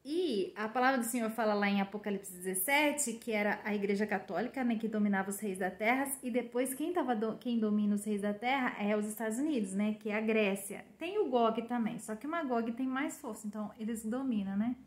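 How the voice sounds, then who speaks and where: Brazilian woman, informal prophetic preacher, chatty, slightly high voice. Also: brisk, hardly any pauses, reverberant. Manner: chatty, keeps adding "né?", often laughs. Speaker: religious preacher. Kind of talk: informal prophetic sermon to online followers.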